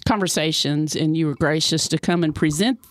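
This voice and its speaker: A woman's voice: sits low, brisk, dry recording. A woman, hosting a radio talk show in a chatty, bubbly manner with many fillers. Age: 60s. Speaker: radio host. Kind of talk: casual radio chat. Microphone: studio mic. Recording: dry studio sound.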